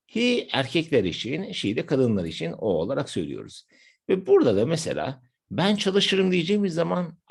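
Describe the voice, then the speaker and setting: Turkish male language teacher, a bit of fry in the voice, slows down for his examples. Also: on the high side. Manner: explains step by step, slows down for example phrases. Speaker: English teacher. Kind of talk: language lesson narration.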